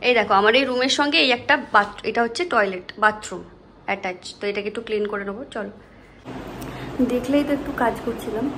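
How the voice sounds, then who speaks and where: A woman chats to viewers in a daily home vlog, explaining chores around her kitchen and rooms in a fairly high, quick voice. She talks softly while her child sleeps and uses a sing-song coaxing voice with the child. The low-quality recording has a little hiss or hum.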